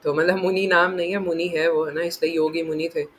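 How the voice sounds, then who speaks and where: Animated high-voiced man teaching scripture. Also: a little fast, slight background noise. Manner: animated, acts out quotes, frequent tag questions; playful, laughs while explaining. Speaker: spiritual teacher. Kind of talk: scripture discourse.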